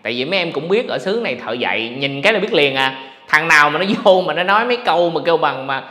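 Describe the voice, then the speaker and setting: A man hosting a casual livestream podcast, talking in an animated, ranting way to his viewers. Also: on the high side, fast talker. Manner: animated, ranting, mocks others in put-on voices. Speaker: podcast host. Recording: echoey room with long reverb.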